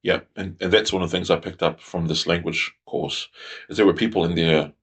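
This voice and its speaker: A man speaks in an easygoing, thoughtful podcast interview. His voice sits very low with a gravelly, husky edge. He circles back and repeats phrases as he works through an idea. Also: brisk. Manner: thoughtful, reflective, repeats phrases while thinking. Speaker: guest. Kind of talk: casual conversational interview.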